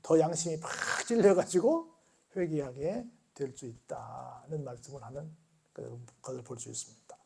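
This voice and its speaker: A man preaching a Friday prayer-service sermon as pastor, often asking the congregation questions and acting out quoted voices, from loud outbursts down to hushed tones. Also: medium pitch, normal speed, vocal fry, a little hiss or hum.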